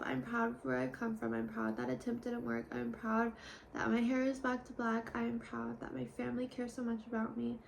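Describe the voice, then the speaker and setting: A young woman in a casual confessional vlog, rambling candidly and sometimes dropping to a soft whisper. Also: fairly high pitch, gravelly, a little hiss or hum. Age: young adult. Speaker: vlogger.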